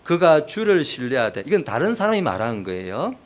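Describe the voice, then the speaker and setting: A man preaching a sermon as pastor, animated and acting out the voices he quotes. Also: mid-range voice, brisk.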